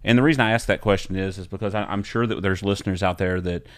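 A man hosting an interview, asking probing, measured questions. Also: low-pitched, steady tone, dry recording. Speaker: podcast host. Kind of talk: casual faith-based interview.

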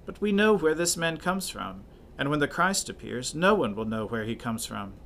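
A man reading scripture and leading prayers at a church service in a measured, solemn cadence. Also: a little high, sing-song, creaky, a bit bright, slight background noise. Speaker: scripture reader and officiant.

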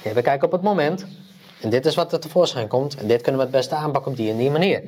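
A man co-hosting a podcast, chatting casually with a lively, enthusiastic delivery and many restarts. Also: medium pitch, fast talker. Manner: animated, enthusiastic, lots of restarts. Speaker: podcast co-host. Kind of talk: casual chat.

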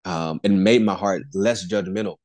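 A man's voice: sits low, steady tone, moderate pace, darkish tone, no room sound. A man in his forties, a pastor and airman, sharing an earnest faith testimony in a podcast conversation, often restarting and repeating words with small chuckles. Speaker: pastor and Air Force airman, podcast guest.

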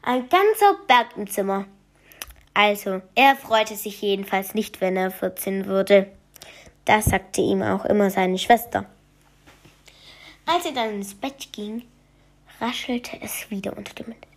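Brief: woman storyteller, children's bedtime tale, slow and soft, dips into whispers. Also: medium pitch, animated. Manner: soft, at times whispered for suspense.

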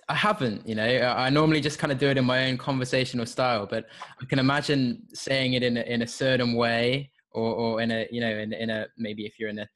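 A man's voice: mid-range voice, fairly bright tone. A man hosts an interview podcast and asks his guest questions. He speaks in a thoughtful, hesitant way and leans on fillers as he searches for words. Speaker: podcast host.

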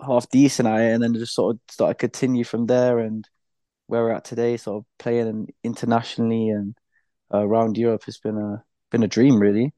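A young man with a British accent, chatting casually as a podcast guest, relaxed, with easy laughs and loose fillers. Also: mid-range voice, fairly quick, dry recording. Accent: British English. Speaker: podcast guest, blind footballer. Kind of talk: casual interview chat.

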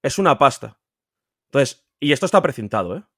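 A man's voice: fairly quick, breathy edge, dry recording. Emphatic Spanish man from Spain, dry close sound. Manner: emphatic, repeats words, swears freely; animated, pitch jumping up when insisting. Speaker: guest, video game collector. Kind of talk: casual podcast conversation.

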